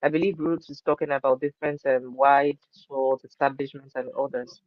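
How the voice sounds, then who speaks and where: A man's voice: medium pitch, fairly even intonation, normal speed, dry recording, dull audio. A man moderating an online session, reading out trainees' questions politely.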